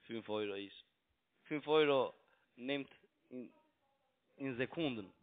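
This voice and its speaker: This medium-pitched man speaks slowly on a tinny, narrowband phone call, arguing with a foreign accent. A phone broker and scam caller whose first language is not German, he talks in broken sentences and keeps pressing the same phrases.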